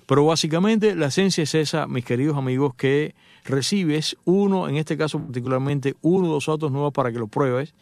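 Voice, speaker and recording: A man's voice: on the high side, fairly quick, a little mellow, no echo. A middle-aged man, a motoring journalist hosting a radio show and telling joking anecdotes to his listeners. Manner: joking, chatty storyteller addressing listeners. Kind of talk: casual radio talk with anecdotes.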